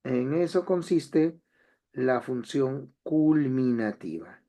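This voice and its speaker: A man's voice: mid-range voice, expressive, slow pace, creaky, dark tone. A man teaching an online language class, explaining step by step and repeating key phrases.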